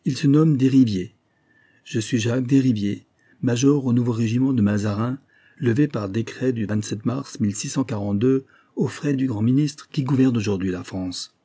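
A man's voice: medium pitch, moderate pace, mellow, breathy edge, natural voice. A man reading an audiobook, voicing a boastful, fawning old army major with a blustering manner. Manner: blustering, eager to please.

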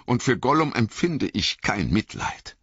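A man's voice: mid-range voice, big pitch swings, a little slow, a bit bright, slightly rough, no echo, voice pushed up, full character voice. A man voicing a frightened young male hobbit who talks in a pleading, agitated, raised voice, in an audiobook reading. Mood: indignant. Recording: dull lo-fi audiobook recording.

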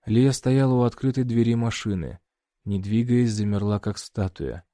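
A man narrating a first-person fiction audiobook in a steady storytelling read. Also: on the low side, moderate pace, no echo, clean studio sound.

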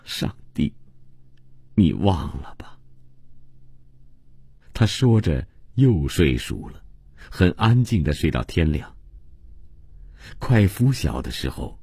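A man with an extremely deep, breathy-husky voice reads a novel aloud for radio. His delivery is measured and even. The close studio recording is completely dry. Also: no room sound. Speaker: audiobook narrator. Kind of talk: scripted novel narration. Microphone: close studio microphone.

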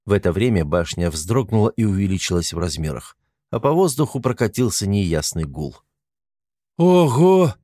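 Guy reading a fantasy audiobook, lowish voice, dead dry close mic. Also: dry recording. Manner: even, unhurried storytelling. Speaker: audiobook narrator. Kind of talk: scripted narration.

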